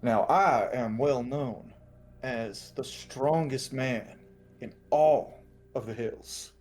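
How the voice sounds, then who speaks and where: A man's voice: medium pitch, darkish tone, natural voice. A man voicing a big, boastful strongman adventurer who coaxes a rival into a contest. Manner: coaxing, boastful, drawn-out.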